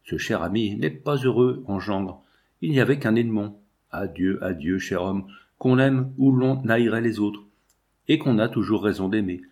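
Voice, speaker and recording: A man reading out the letter of an affectionate older friend, in a warm, effusive manner and a slightly low voice. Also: moderate pace, natural voice.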